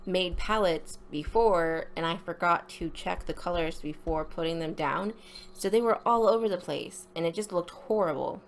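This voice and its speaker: A woman's voice: fairly low pitch, vocal fry, a little hiss or hum. A woman with a slight lisp giving a casual, rambling voice-over for an art video, with informal apologetic asides.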